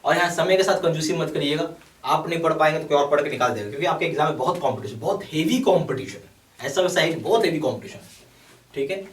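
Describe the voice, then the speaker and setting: A man's voice: on the high side, animated, quick pace. Urging male tutor in an echoey room. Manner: repeats "okay" often, urging and emphatic. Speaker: bank exam coaching teacher. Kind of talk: explaining a course to students. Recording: echoey room, mic at a distance.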